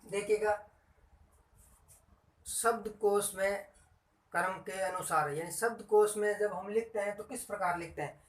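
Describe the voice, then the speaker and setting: Speaking a little slowly with long pauses, a high-pitched man teaches Hindi grammar in classroom style. He keeps repeating points and firing questions at his listeners, his voice off-mic in an echoey room.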